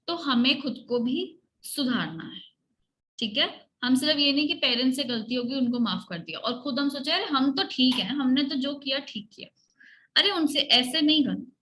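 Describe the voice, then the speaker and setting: A woman's voice: high-pitched, bright, forceful tone. A woman teaching children in an online class, asking questions and having them repeat answers back. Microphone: computer mic on a video call.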